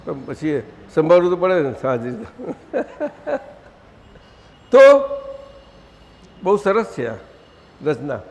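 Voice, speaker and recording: A man leading a satsang, gently directing the audience and asking them questions. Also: on the high side, very animated, slow, long pauses. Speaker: spiritual teacher leading a satsang. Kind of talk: conversational religious gathering talk. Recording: long hall reverb.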